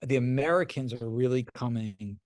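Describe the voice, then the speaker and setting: A man's voice: mid-range voice, normal speed, dry recording, studio quality. A man hosting a podcast, chatting in an enthusiastic, conversational way with frequent "you know"s. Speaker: podcast host and magazine editor. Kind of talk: casual chat.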